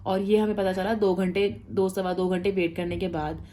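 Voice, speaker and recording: A woman vlogger in casual storytelling to camera, chatty and animated, talking straight to her viewers. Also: medium pitch, moderate pace, slight background noise.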